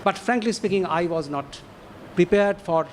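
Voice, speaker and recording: A man with an Indian English accent giving an academic lecture to an audience, deliberate and posing rhetorical questions with measured pauses. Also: sits high, slight background noise.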